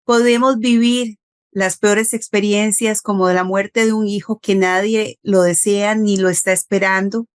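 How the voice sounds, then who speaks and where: A woman hosts an interview at an unhurried pace. She speaks reflectively, drawing out her phrases as she sums up her guest's story. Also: mid-range voice, fairly even intonation, clean tone. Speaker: interview host. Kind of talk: conversational interview.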